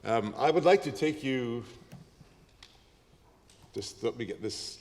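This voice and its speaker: A man with a Canadian accent giving a conference lecture, lively with joking asides and frequent ums and uhs. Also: mid-range voice, takes it slowly. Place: conference hall. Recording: hall reverb.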